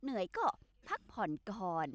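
A woman's voice: mid-range voice, animated, normal speed, fairly bright tone, dry recording, lightly acted. A woman dubbing an elderly grandmother who dotes on her family but gives orders, in a Thai dub of a TV series. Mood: doting. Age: older.

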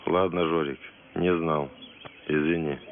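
An actor playing a gruff, down-to-earth soldier who speaks bluntly and colloquially. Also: male voice, a bass voice, steady tone, a little slow. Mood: apologetic. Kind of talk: film acting. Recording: phone-like film audio, faint outdoor noise.

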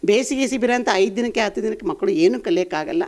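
A woman's voice: mid-range voice, animated, quick pace, a little mellow. Older woman speaking off the cuff, blunt opinions, ordinary mid-range voice. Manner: frank, opinionated, plain-spoken. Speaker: guest speaker. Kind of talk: impromptu talk.

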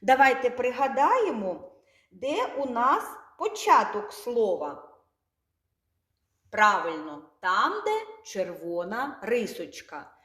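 Woman kindergarten teacher, Ukrainian accent, slow and singsong, echoey classroom. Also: medium pitch, fairly bright tone. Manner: drawn-out sounds, repeats words for children to echo. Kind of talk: slow, clearly articulated lesson for small children.

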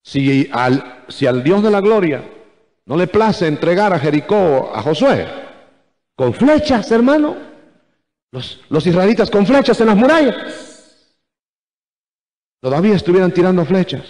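A man preaching a sermon, emphatic and calling out to his listeners, often rising to shouts. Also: high voice, sing-song, measured pace, long pauses. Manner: repeatedly addresses listeners as brother. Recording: echoey church hall, 1980s recording.

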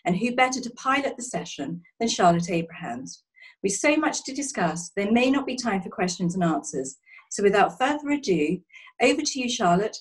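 Woman host, scripted welcome, lively and a touch breathy, heard from a distance over a call. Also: medium pitch, moderate pace. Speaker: host introducing a webinar. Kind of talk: scripted introduction. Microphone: video call. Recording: distant, husky video call audio.

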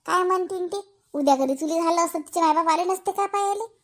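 A woman plays a bossy village mother in a cartoon family drama. She nags and scolds bluntly. Her voice sits very high. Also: fairly quick. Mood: insistent. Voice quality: nagging, rustic, scolding tone. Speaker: cartoon voice actor.

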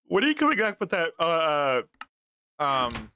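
A man's voice: a little high, huge pitch swings, moderate pace, sharp tone, slight background noise. A young man hosting a gaming video, chatting casually, swearing often and rambling when he gets exasperated. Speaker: gaming channel host. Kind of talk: casual gameplay chat.

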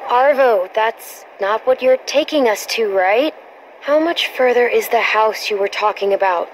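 Woman voicing a steady, earnest young girl, highish. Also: unhurried, slight background noise, lightly acted, low-quality recording. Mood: earnest, firm. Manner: plain-spoken, earnest, composed. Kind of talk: naturalistic video game acting. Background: background music.

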